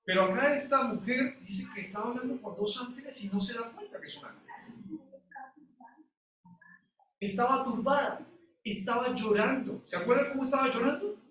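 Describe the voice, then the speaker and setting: A male pastor preaching a sermon, animated and putting questions to the congregation. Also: very high-pitched, moderate pace, pauses often. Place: church sanctuary. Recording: echoey church hall, mic at a distance.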